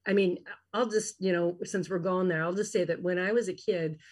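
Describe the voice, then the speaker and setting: A woman in her fifties, a guest who coaches women in transition, chatting casually and telling animated stories that act out the voices of the people in them. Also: fairly low pitch, brisk. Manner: animated storyteller, acts out quoted voices. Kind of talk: casual conversation.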